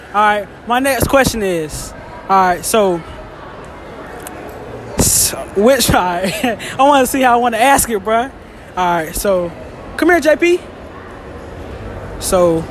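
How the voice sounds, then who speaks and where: High-voiced hyped street interviewer man. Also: expressive, slight background noise. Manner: hyped slangy banter, quick laughs. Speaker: street interviewer and YouTuber host.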